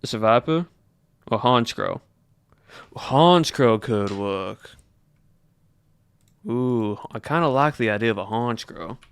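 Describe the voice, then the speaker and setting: A man livestreams and chats casually with viewers, musing in a loose, put-on American Southern drawl. His mid-range voice is animated, clear, and resonant, and he takes it slowly with frequent pauses. The recording is dry.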